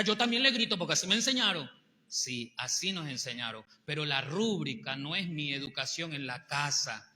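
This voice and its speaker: A male pastor, preaching a sermon with animated rhetorical questions to the congregation. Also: fairly high pitch. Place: church hall. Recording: long hall reverb.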